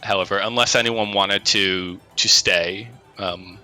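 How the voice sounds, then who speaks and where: Guy game mastering a fantasy game, sharp bright voice, kinda low, feeling his way through the narration. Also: steady tone, measured pace, clear, resonant tone, faint music behind.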